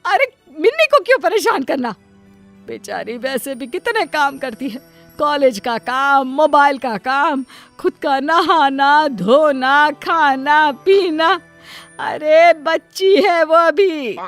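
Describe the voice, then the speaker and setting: A woman voicing a devoted, self-sacrificing middle-aged mother in a cartoon story, with soft music behind. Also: high voice, takes it slowly, heavily acted. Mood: pained.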